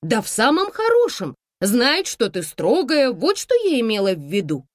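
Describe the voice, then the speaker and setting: A woman reading an audiobook voices a grown daughter who pleads rapidly and breathlessly over the phone. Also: fairly high pitch, wildly swooping pitch, no room sound, clean studio sound, voice pushed up. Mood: pleading, excited.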